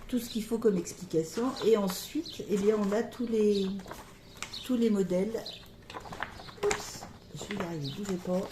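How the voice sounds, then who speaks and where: A woman's voice: on the low side, warm tone, slight background noise. Chatty woman knitter in an echoey room. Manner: chatty, hesitant, many pauses and fillers. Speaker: knitting podcaster. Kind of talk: casual show-and-tell about knitting. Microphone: camera on a table near her.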